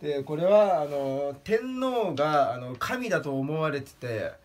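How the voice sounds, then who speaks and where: Giggly man presenting gag pictures. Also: a little slow. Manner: laughs at his own jokes, lively pitch swings; pitches up into a strained high whine for punchlines. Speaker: comedian presenting joke pictures. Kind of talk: casual comedic talk with laughter.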